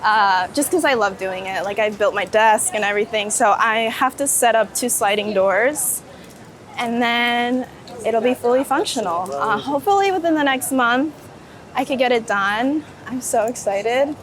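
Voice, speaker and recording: An enthusiastic street photographer, her voice on the high side, talks at a normal speed during a casual interview on a city street. She keeps it informal and uses "like" frequently as they walk. Crowd noise, street ambience and passing vehicles make up the background.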